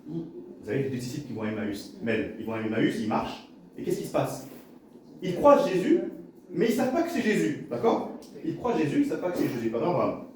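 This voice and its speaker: A man delivers a sermon with a lively, swinging pitch and a voice a touch higher than usual. He repeats himself for effect and stammers at times. He is heard from a distance in a strongly echoing hall with faint noise behind him. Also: fairly quick. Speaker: pastor.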